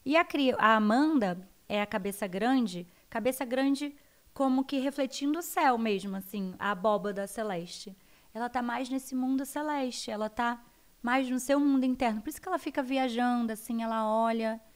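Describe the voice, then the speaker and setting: A woman with a Brazilian accent, a guest educator explaining child development in an animated interview. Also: on the high side, normal speed. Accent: Brazilian Portuguese. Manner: animated, acts out her children's voices.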